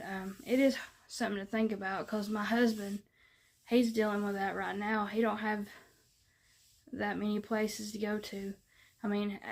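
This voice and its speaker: A woman chatting casually to her viewers in a folksy, rambling way, with lots of fillers. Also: mid-range voice. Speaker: vlogger. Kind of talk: casual chat to camera.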